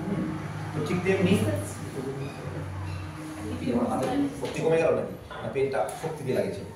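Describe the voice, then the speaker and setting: A man's voice: mid-range voice, big pitch swings. Man lecturing in a very echoey room. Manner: explains slowly, repeats terms, asks students "clear?". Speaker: geography teacher. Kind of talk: classroom lecture. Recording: echoey room, distant mic, faint noise.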